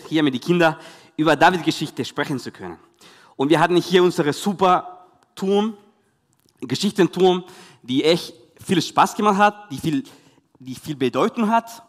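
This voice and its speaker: A man from Chile with a Spanish accent, a youth pastor telling a Bible story to children and parents in lively, emphatic German. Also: on the high side, long reverb tail.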